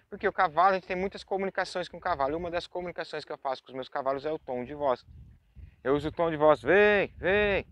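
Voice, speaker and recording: A Brazilian man teaching horse handling in a pasture outdoors, chatty and talking straight to viewers with lots of tag questions. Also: high-pitched. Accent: Brazilian Portuguese. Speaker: horse trainer. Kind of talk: outdoor instructional talk.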